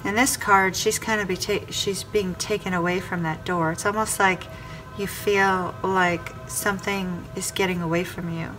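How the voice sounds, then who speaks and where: This tarot reader has a lowish voice with fairly even intonation, a moderate pace and hardly any pauses. She gives a weekly reading addressed to viewers by star sign, repeating her phrases, while music plays clearly beneath her on poor audio.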